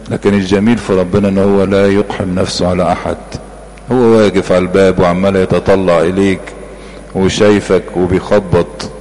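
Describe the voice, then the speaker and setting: Preaching earnestly and emphatically, an Egyptian-accented man speaks in a very deep, slightly mellow voice. Short repeated phrases build each point, and the sermon echoes with lengthy hall reverb over a soft background hum.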